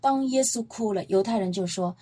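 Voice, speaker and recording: The preacher's mid-range voice is husky and moves at a normal speed. During her Bible-teaching sermon she recounts scripture in an emphatic, lively storytelling style and puts rhetorical questions to the audience.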